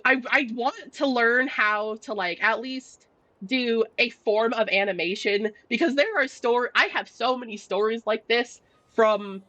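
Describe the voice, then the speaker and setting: A woman's voice: a little high, measured pace, sharp tone, no echo, muffled recording. A young woman streaming a game, telling stories in casual rambling chat with lots of fillers and restarts. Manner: chatty storytelling, many fillers and restarts, laughs often.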